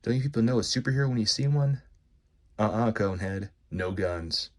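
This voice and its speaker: A man voicing a furry beast superhero, a brainy gentleman who talks in wry, hesitant, self-mocking asides. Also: fairly low pitch, fairly quick, close to an everyday voice.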